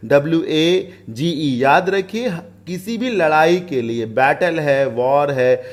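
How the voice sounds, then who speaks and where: A man with an Indian English accent teaching English idioms, reading sentences slowly and explaining them in Hindi, spelling words out letter by letter. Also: medium pitch, a little mellow.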